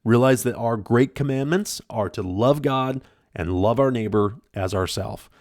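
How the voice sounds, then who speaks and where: A man's voice: mid-range voice, unhurried, a little mellow, dry recording, studio quality. A man hosting his own podcast, talking through a book in an earnest, rambling way with lots of fillers and restarts. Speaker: podcast host. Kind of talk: reflective solo book talk.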